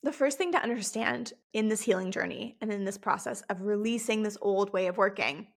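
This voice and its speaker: A woman's voice: medium pitch, brisk, vocal fry. A young woman speaking as a self-help coach in a casual, conversational way, often asking "right?".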